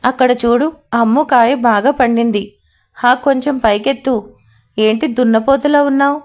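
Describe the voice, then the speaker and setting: A man's voice: very high-pitched, steady tone, moderate pace. A woman voicing a playful, teasing young man who is in love, in a spoken Telugu family story. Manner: teasing, bantering.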